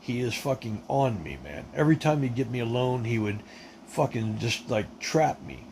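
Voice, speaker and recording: A man's voice: mid-range voice, lively intonation, moderate pace, a little mellow, a little hiss or hum, rough recording. A man telling his life story in a casual, rambling way, full of restarts, blunt and emphatic. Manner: rambling, with many fillers and restarts. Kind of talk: casual spoken testimony.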